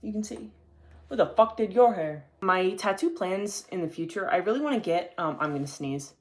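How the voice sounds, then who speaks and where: This young podcast host talks to a camera at normal speed, his high-sitting voice full of lively intonation. His chat is casual and rambling, with a swear word here and there.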